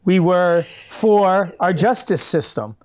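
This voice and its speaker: A fundraising company founder, appearing as a guest in a public TV studio, speaks slowly in a high, slightly mellow voice. He answers questions earnestly, giving long explanations of his views with frequent restarts.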